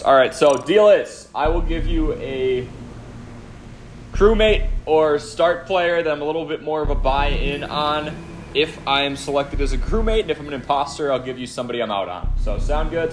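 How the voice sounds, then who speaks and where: A man's voice: mid-range voice, lively intonation, moderate pace, slight background noise. A man hosting a casual live stream, chatting with viewers and answering their comments as he plays, with an echoey room sound and no headset. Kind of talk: casual live-stream chat while gaming. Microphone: no headphones, audio through device.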